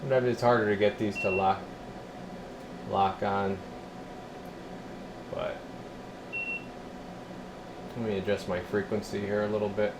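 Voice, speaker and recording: In an indoor radio repair workshop, a repair technician presents a bench test video, demonstrating hands-on in an informal, folksy way and sometimes muttering to himself as he works. His voice sits on the low side with a flat delivery and a measured pace. He pauses often, and the background is noisy.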